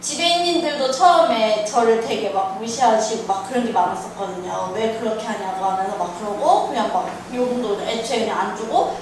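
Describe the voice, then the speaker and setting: A high-voiced young woman shares her week with her church group, talking in a chatty, animated, rambling way. She sits far from the mic, so her voice comes through with a lot of room echo and a faint hiss underneath. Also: brisk. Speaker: church small-group member. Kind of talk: personal testimony sharing. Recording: echoey room, picked up from far off.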